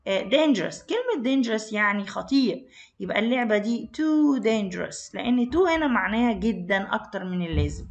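A woman with an Egyptian Arabic accent teaches an online English lesson, explaining words in Arabic, quizzing her students and calling them "my dears." She sounds medium-pitched, very animated and brisk, though the audio is dull.

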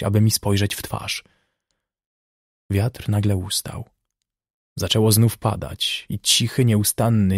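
Male narrator for a classic audiobook, low and husky, measured delivery. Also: dry recording, studio quality. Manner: measured, even storytelling. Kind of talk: scripted narration.

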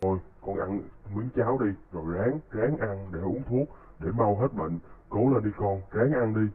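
A man's voice: fairly low pitch, moderate pace, slightly rough. A man voicing an elderly male village chief who is fretful, scolding and protective, in casual game role-play. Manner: scolding yet caring. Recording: tinny phone-like line.

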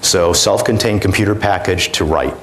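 A middle-aged man with a low voice presents a product demonstration on stage. His delivery is informal and halting, as he talks an audience through each step. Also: a little hiss or hum. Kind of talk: conference product demonstration talk. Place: indoor conference room, on stage.

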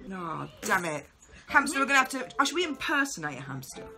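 A woman in her thirties with a British accent, chatting casually and jokily in an excitable, giggly way as a vlog co-host. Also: medium pitch, fairly quick, soft background music. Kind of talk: casual, jokey challenge chat.

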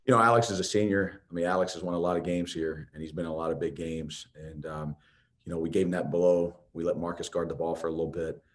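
A man with a very deep voice speaks as head coach at a post-game press conference. He talks in loose, conversational runs, restarting phrases and leaning on "you know.". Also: little pitch movement, quick pace.

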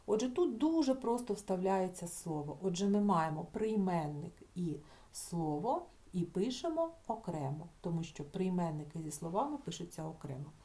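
A woman teacher explaining a grammar lesson, patient and slowing down to sound out each example word. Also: fairly low pitch, expressive, mellow.

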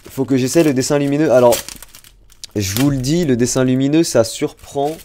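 This drawing streamer, a young man, has a warm, mid-range voice at a normal pace, with a little hiss or hum in the recording. He chats casually and directly to his live stream audience while unboxing.

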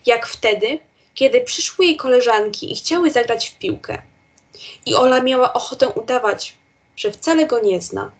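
A woman narrates a children's storybook, reading aloud in a slow, careful way. Her voice is fairly high and has a soft, breathy edge. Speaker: reader.

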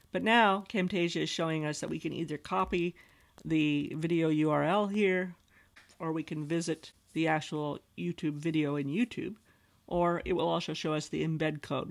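A woman calmly narrating a screencast tutorial as an instructional designer, patiently explaining each step. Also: deep voice, vocal fry. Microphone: voice-over recorded over screen capture.

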